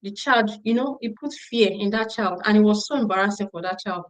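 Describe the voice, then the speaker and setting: A woman's voice: medium pitch, fairly quick, poor audio. A middle-aged woman speaking at a parenting conference, telling a story emphatically and repeating phrases for stress. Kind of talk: storytelling talk to an audience.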